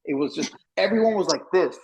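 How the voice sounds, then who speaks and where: A man co-hosting a podcast, telling a story in a casual, animated way, swearing and saying "bro" a lot. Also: high voice, a little fast, slight background noise, poor audio. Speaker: podcast co-host.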